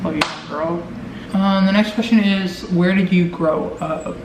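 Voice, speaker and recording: Speaking to camera in an echoey, noisy room through a distant mic, an eighteen-year-old from Omaha, Nebraska, rambles casually and says "like" constantly. His American-accented voice is high-pitched, with fairly even intonation and an unhurried pace.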